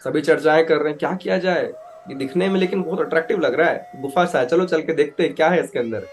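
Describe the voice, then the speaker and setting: A man telling a devotional scripture story as a preacher, animated, acting out characters and mixing in English words. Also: on the high side, quick pace. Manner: animated storyteller, acts out voices with loud outbursts; mixes English words into Hindi.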